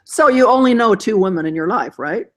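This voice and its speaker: A woman's voice: mid-range voice, expressive, a little fast. A woman hosting a casual chat show, playful and teasing, laughing often between remarks. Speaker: host.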